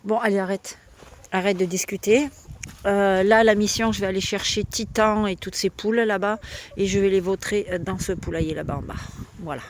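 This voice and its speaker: A woman's voice: mid-range voice, steady tone, moderate pace, a little hiss or hum. Chatty woman vlogging from her henhouse. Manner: chatty and spontaneous, coos fondly at her hens. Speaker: backyard poultry keeper vlogger. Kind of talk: casual vlog chat. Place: outdoors by a henhouse.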